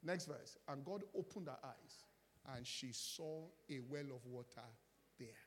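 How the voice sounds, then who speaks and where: A man preaching a sermon, asking his congregation call-and-response questions, his voice swinging from loud emphatic peaks to low quiet passages. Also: a little slow, in a large hall.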